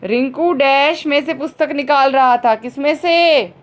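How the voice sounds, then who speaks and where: A woman teacher giving a grammar lesson to young children, slowly repeating each word and answering her own questions. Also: sits high. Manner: drawn-out words, slow and patient. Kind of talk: slow, clearly spoken grammar lesson for children.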